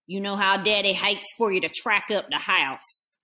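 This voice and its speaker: A woman's voice: mid-range voice, moderate pace, pushed and bright, natural voice. Woman reading as mean ranch stepbrother, sneering drawl, storybook read-aloud. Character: lazy sneering young cowboy stepbrother.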